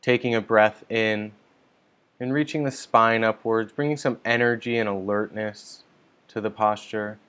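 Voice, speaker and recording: Man, meditation teacher, low voice, smooth and resonant, calm gentle guidance. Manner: calm, slow, gentle instructions. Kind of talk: guided meditation. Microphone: online stream mic.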